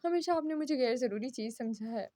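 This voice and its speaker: A woman's voice: high-pitched, expressive, fairly quick, dark tone, dry recording, clean studio sound. A woman voicing a tearful, jealous young wife in a storybook reading, talking in a pleading, reproachful way. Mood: tearful, accusing.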